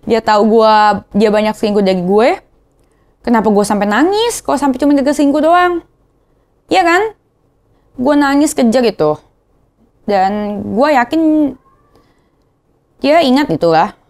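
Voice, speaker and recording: A woman's voice: medium pitch, darkish tone. A young woman with a Jakarta slang accent, talking in a casual confessional vlog, emotional and rambling, often repeating herself. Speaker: vlogger.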